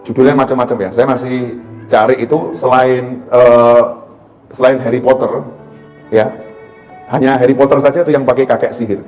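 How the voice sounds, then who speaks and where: A middle-aged man preaching a sermon, animated, breaking into chanted Arabic prayers. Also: mid-range voice, normal speed, pauses often. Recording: roomy hall sound with faint music.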